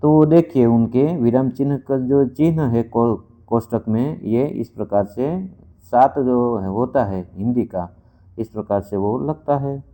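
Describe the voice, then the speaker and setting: A man's voice: medium pitch, a little slow, mellow. A man teaching a lesson to camera, repeating himself often and correcting himself as he goes. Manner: repeats itself, with fillers and self-corrections. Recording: dull lo-fi recording.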